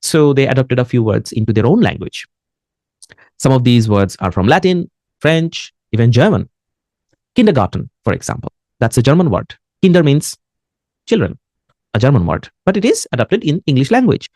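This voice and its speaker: A man's voice: mid-range voice, sing-song, very slow, darkish tone, no echo, studio quality. A man with a Bangladeshi accent teaching an English pronunciation class, switching between English and Bengali and quizzing his students. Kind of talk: classroom lesson.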